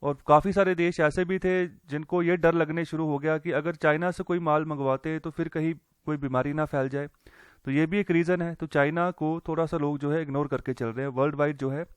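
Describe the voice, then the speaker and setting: Guy explaining an economics editorial like a chatty lecture, kinda high voice, dry close mic. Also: clean tone, no echo. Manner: conversational, with frequent fillers and English terms mixed in. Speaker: economics teacher.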